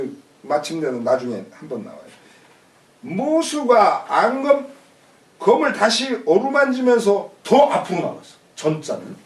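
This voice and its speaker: A man with a high, lively voice teaches a classical text phrase by phrase, recasting each line in plain talk. He is recorded from a distance in an echoey room. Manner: glosses each phrase, then restates it in plain everyday speech. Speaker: teacher of classical Chinese texts. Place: room in a rural community shelter. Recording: echoey room, mic far off.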